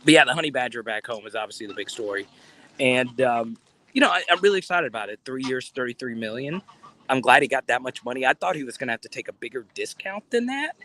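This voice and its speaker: A man's voice: medium pitch, animated, fast talker, pushed and bright, low-quality recording. A man hosting a casual outdoor phone livestream, rambling and joking as he talks to his viewers. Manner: rambling, chatty, jokey asides to viewers. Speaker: sports fan channel host. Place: outdoors in a city, near a palace.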